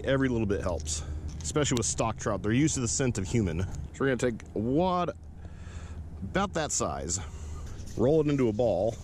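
A man giving relaxed, instructive fishing tips to a head-mounted camera at a sunny lakeshore. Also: medium pitch. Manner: relaxed, instructive, talking to camera while working. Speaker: fishing vlogger. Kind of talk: casual how-to narration. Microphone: head-mounted action camera. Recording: outdoor noise behind the voice.

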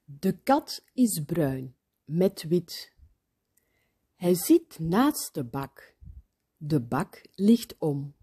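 A woman reading a children's story aloud, very expressive, sometimes dropping to a whisper. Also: deep voice, slightly rough. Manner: very slow, expressive, drops to whispers.

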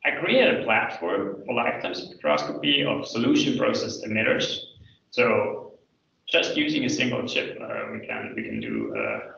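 A man's voice: on the low side, vocal fry, pushed and bright. Echoey, hesitant man defending a thesis. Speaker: PhD candidate presenting thesis defense. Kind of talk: academic slide presentation, explanatory. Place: indoor room, online video call. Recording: echoey room, distant mic, dull video-call sound.

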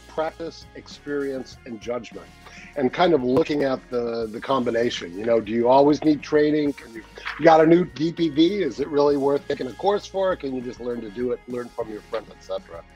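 A man in his sixties, the newsletter editor who guests regularly on the show, chats casually over a webcam video call from his home study. His medium-pitched voice is animated, slightly fast and a touch mellow, and he rambles with lots of fillers and easy laughter. Soft music plays in the background.

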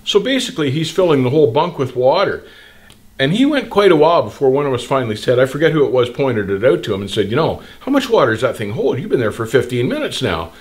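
Talking quickly in a mid-range, sing-song voice, the older trucking host faces the camera in his little indoor studio. His advice comes out plain, blunt and indignant, with big gestures to match.

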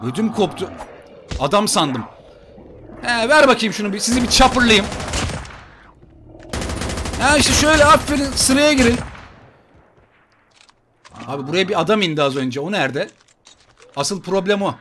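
A man commenting on his mobile shooter gameplay for viewers, excitable and joking, trash-talking enemies. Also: high voice, a little fast, pauses often. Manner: excitable, swears playfully, talks to viewers and enemies. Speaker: gaming YouTuber. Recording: gunfire and game noise behind.

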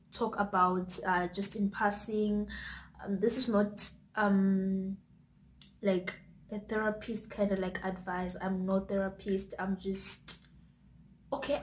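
A woman's voice: medium pitch, slight background noise, rough recording. A woman vlogging casually to her channel, rambling a little with frequent fillers and restarts. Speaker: YouTube vlogger. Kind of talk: casual to-camera chat.

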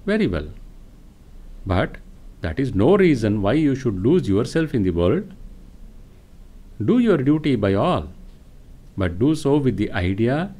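A man of mid-range pitch delivers a spiritual lecture as a monk. His delivery is slow and serene, with deliberate pauses between phrases. The intonation rises and falls widely as he instructs. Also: very animated, dark tone. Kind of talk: religious discourse, reading from spiritual teachings.

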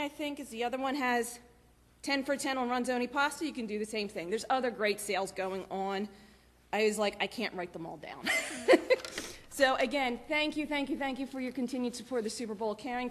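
A woman giving lively, chatty announcements to a church congregation, laughing often. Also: high-pitched. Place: church sanctuary. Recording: long church reverb.

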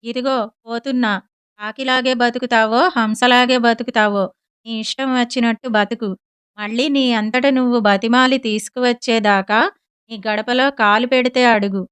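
A woman voicing a shrewd, quarrelsome young wife who scolds without pausing, in audiobook storytelling. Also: on the high side, fairly even intonation, fairly bright tone, smooth, close to an everyday voice. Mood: defiant. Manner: rapid nonstop scolding.

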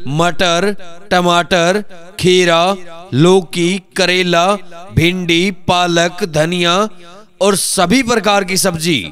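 A man delivers a melodic vegetable vendor call in a high voice. He takes his time, stretching out each item and repeating his invitations like a recorded street advertisement. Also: a bit bright. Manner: repetitive calling out, listing items one by one.

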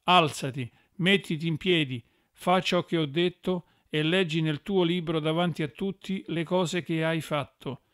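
A man's voice: a little high, unhurried, few pauses, a bit bright, dry recording, studio quality. A man voicing a stern, unbending divine judge who gives commands, read as an audiobook. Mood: commanding. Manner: commanding, authoritative. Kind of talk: audiobook reading.

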